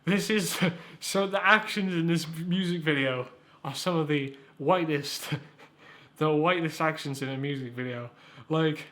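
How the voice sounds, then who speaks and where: A young man hosts a comedic YouTube review with a slightly high, fairly bright voice at a measured pace. His casual video commentary rambles and drips with sarcasm, full of stammered restarts and offhand swearing.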